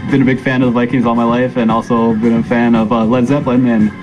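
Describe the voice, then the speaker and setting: A man's voice: medium pitch, flat delivery, fast talker, dull audio, over music. A man in his thirties with an American accent, talking casually as an interviewee. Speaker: interviewee, sports fan.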